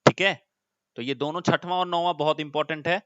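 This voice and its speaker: A man's voice: fairly high pitch, steady tone, a little fast, sharp tone, clear, resonant tone, no room sound, lo-fi sound. A man teaching an online class, explaining step by step and often putting questions to his students.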